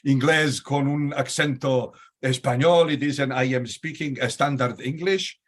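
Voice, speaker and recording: Speaking at a measured pace in a steady, mid-range voice, a man hosts a conversational Ladino interview by video call. His questions are long and searching, full of fillers and fresh starts.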